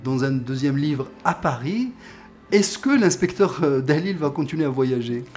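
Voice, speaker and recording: A man hosting an interview, asking questions with frequent filler sounds and quick affirming interjections. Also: mid-range voice, animated, a little mellow. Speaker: interviewer, host.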